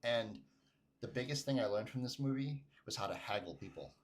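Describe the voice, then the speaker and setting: A man co-hosting a casual podcast, retelling scenes with lively quoted voices. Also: mid-range voice, a little fast. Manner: animated storyteller, acts out quotes. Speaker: podcast co-host. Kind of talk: casual chat.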